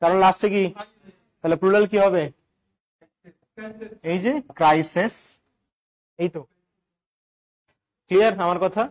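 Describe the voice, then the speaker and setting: A man's voice: sits high, fairly even intonation, a little slow, pauses often. A male teacher, giving an exam-prep grammar lesson and quizzing listeners with repeated questions and jokes. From Bangladesh.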